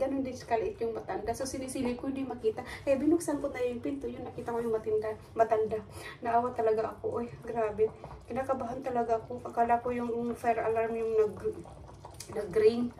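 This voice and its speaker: Filipina woman vlogging at home, chatty storyteller, mellow higher voice, set back from the mic with faint room noise. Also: far from the mic. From Philippines. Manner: animated, retells with quoted dialogue and laughs. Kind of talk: casual storytelling to viewers. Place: home in Sweden, kitchen.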